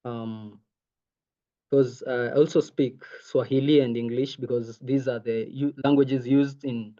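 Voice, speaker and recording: A young Kenyan man whose first language is Maasai gives an earnest online presentation as an intern over a video call, with many ums. His mid-range voice is warm and steady, a little slow. The video call audio is muffled.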